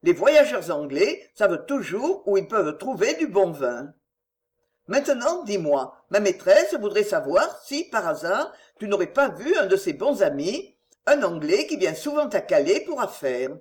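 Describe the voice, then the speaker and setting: A courteous English gentleman in disguise as a lackey, as a reader puts him on, polite and firm with a quick flash of gruffness. The voice stays close to the narration and moves with a lively pitch. It is a storybook reading.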